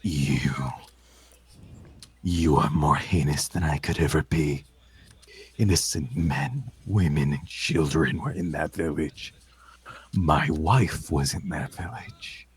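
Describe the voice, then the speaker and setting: A man's voice: low voice, measured pace, a bit bright, husky, full character voice. A man voicing a grim, vengeful male warrior in a tabletop role-play game, speaking in a threatening tone. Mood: bitter.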